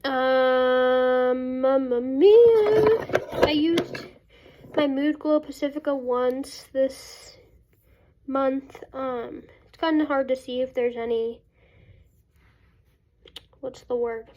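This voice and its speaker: A woman vlogging casually as a beauty vlogger, congested with a cold and breathing through her mouth, talking in a halting, self-interrupting way. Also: high voice, steady tone, a little mellow, dull audio. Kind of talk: casual chat to camera.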